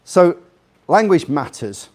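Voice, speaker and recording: Slow and fairly high-pitched, this man's darkish voice swings widely in pitch. A guest speaker with a slight Liverpool accent, he gives a jokey, rambling, informal talk to a live audience in a room, asking them questions directly.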